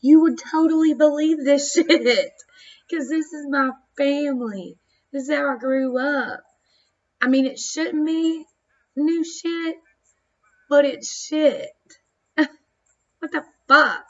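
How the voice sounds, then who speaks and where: A woman's voice: high voice, steady tone, slow pace, long pauses, lo-fi sound. A woman telling a rambling, profane family story to camera in a casual vlog, a little self-conscious. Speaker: vlogger.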